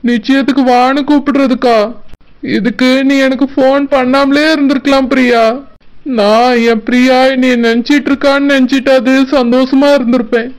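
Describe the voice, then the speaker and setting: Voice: high-pitched, fairly even intonation, normal speed, close to an everyday voice, low-quality recording. A voice actor playing a deceitful young man in a cartoon who sweet-talks his girlfriend and sneers at her in asides. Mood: sweet-talking. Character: deceitful young man, two-faced lover. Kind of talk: cartoon voice acting.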